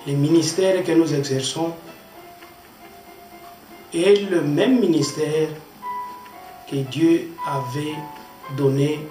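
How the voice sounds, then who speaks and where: A pastor from the Democratic Republic of the Congo, preaching a sermon and reading scripture in short, deliberate phrases. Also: male voice, fairly high pitch, dark tone, distant mic. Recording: echoey room, voice off-mic, faint music.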